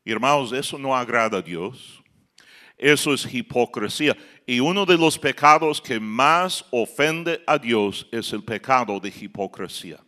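A man's voice: medium pitch, lively intonation, measured pace, sharp tone. A man preaching a sermon as pastor, building to emphatic outbursts. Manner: preaching with rising emphatic outbursts and acted quotes.

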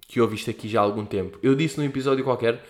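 A man's voice: mid-range voice, racing, darkish tone. A man in his twenties with a European Portuguese accent, casually talking through a solo podcast, slangy and profane, acting out the people he quotes. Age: 20s. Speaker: podcast host. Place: at home. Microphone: podcast microphone.

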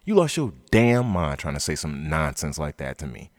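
In a basement studio with clean sound and no echo, a podcast host delivers a heated sports rant, swearing freely as he passionately argues his point. His voice is a rumbling low, sing-song, at normal speed.

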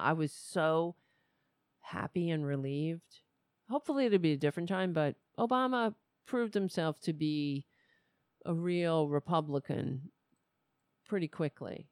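A woman hosting a live political show, chatting casually to viewers in a loose, halting, conversational way. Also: deep voice, clear, resonant tone, dry recording, studio quality.

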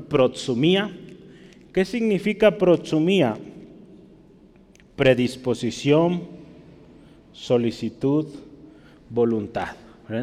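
A man's voice: medium pitch, dark tone. A man preaching a sermon as a pastor, teaching and checking often whether his listeners follow. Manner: teaching, asks the congregation frequent checking questions. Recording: long hall reverb.

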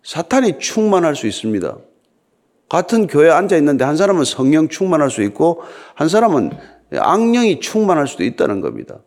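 An older male pastor preaches in a conversational style and keeps asking his listeners rhetorical questions. His voice sits a little high and moves through a lively, wide range. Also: brisk. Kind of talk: sermon.

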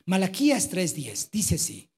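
A man preaching a live sermon in a church, swinging from loud exclamations to quiet asides. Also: high-pitched, huge pitch swings, unhurried, breathy edge. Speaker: pastor. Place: church with congregation.

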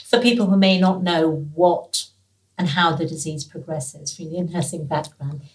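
A woman interviewer asking gentle, probing questions. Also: deep voice, measured pace, distant mic, poor audio.

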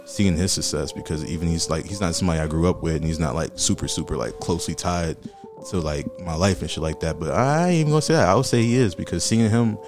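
A young man from Boston with a very low voice talks loosely and profanely as a podcast guest, his stories full of fillers. Music plays clearly underneath him. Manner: loose, profane, fast-flowing storytelling with many fillers. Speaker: guest rapper. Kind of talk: casual podcast chat.

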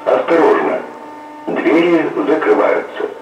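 A man gives calm, official station announcements over a metro train's intercom loudspeaker. His voice sounds distant and rings with echo inside the train car. Loud music plays over the recording. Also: on the high side, measured pace, highs cut off. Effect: heard over a train intercom loudspeaker.

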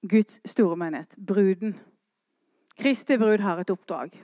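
A woman preaching a sermon, swinging between quiet earnest talk and impassioned rising calls. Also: mid-range voice, dry recording, studio quality.

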